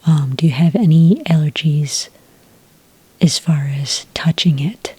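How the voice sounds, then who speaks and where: In a whispery, breathy ASMR roleplay, a woman plays a friendly registration clerk who licenses werewolf hunters, walking through the details gently and without any rush. Her voice is low, and there's no room sound at all.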